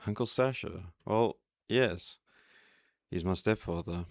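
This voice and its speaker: A man's voice: sits low, slow, gravelly, no echo, studio quality, exaggerated voice. A man voicing an honest, curious young man who asks plain questions. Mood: earnest.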